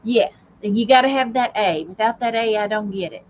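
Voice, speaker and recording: A middle-aged woman co-hosts a casual livestream chat, joking and giggling as she talks in a mid-range voice at a moderate pace. The stream audio is dull and lo-fi with a faint hiss.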